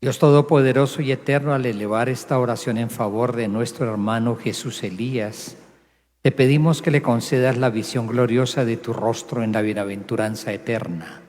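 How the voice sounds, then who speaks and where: A man presides over a funeral mass, intoning the prayers slowly and solemnly. His voice rolls out into a long cathedral echo. A faint hiss sits under the recording. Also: mid-range voice, fairly even intonation, darkish tone. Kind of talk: liturgical prayer. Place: large church.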